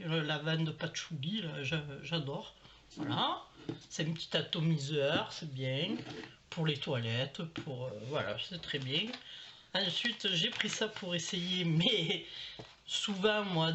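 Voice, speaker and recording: A middle-aged woman chatting casually to camera at home, rambling and full of fillers as she shows her shopping. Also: low voice. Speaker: vlogger showing a shopping haul. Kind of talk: casual haul chat to camera. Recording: slightly dull home recording with faint noise.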